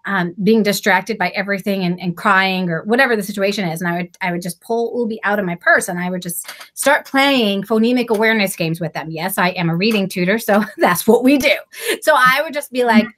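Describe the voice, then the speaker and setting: A middle-aged woman who works as a reading tutor hosts a casual live-stream chat on a video call. Speaking in a mid-range voice, she's animated and quick to laugh, with lots of fillers.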